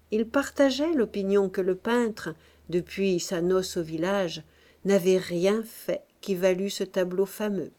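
Brief: woman narrator for a literary audiobook, measured and expressive, slow deliberate pace. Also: mid-range voice.

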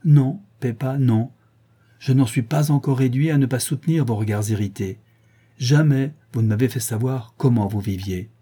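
A man's voice: medium pitch, moderate pace, mellow, breathy edge, close to an everyday voice. A man reading the part of a proud English major, pleading in an impassioned, declamatory way. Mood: anguished.

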